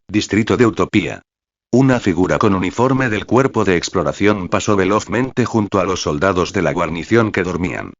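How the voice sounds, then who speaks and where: A man's voice, synthetic-sounding, reads a fan fiction audiobook in an even, flat way. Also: sits low, dry recording. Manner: even, flat reading that spells out web addresses. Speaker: narrator. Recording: dry, slightly dull lo-fi sound.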